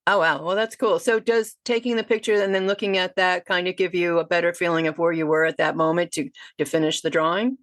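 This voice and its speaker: A woman hosting an interview, friendly and encouraging with many quick reactions. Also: fairly low pitch, steady tone, a bit bright, no room sound, clean studio sound. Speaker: podcast host. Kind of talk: casual interview chat.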